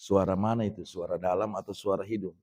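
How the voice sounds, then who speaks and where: Middle-aged Indonesian preacher, chatty mosque talk, slow careful Arabic recitation. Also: male voice, sits low, steady tone, warm tone. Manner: conversational, addresses listeners as Pak, recites Arabic slowly. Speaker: ustadz giving a mosque lecture. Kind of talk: religious lecture.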